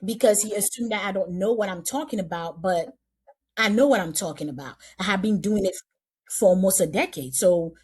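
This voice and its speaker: A woman's voice: medium pitch, fairly quick, darkish tone, slightly rough. A woman casting director chatting in an interview, repeating and restarting her phrases as she talks. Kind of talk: casual interview chat.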